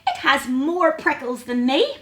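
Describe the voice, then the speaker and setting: Casting: woman as small boyish storybook hedgehog, childlike, excitable, squeaky and high with big pitch leaps. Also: unhurried. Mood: startled. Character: excitable, kindly little male hedgehog, childlike and easily worried. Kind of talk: storybook character voice.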